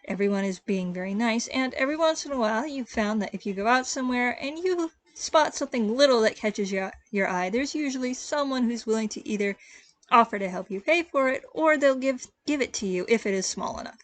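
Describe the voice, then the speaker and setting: Female GM, relaxed descriptive narration, lightly high voice. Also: fairly quick. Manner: descriptive, relaxed storytelling with small restarts. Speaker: game master. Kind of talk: narrating a tabletop role-play.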